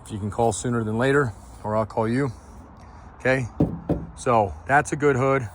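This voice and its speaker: Man, parts seller walkaround, rambling casual delivery, mid pitch, light outdoor noise. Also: normal speed. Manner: rambling, trailing off mid-sentence. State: winded. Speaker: used Jeep parts seller.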